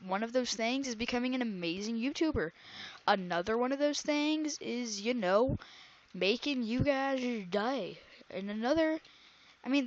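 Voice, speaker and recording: A woman's voice: fairly high pitch, dry recording, dull audio. A woman doing casual let's-play commentary, rambling and melodramatic, on a close desk microphone at home. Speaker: gaming YouTuber. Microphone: desk microphone close to her breathing.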